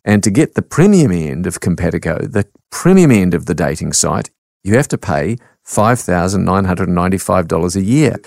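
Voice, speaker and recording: Kiwi radio host in his 60s, low-pitched, dry close mic, quick to laugh. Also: gravelly, dry recording. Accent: New Zealand. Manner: animated, laughs often, reads texts aloud. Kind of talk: talkback radio chat.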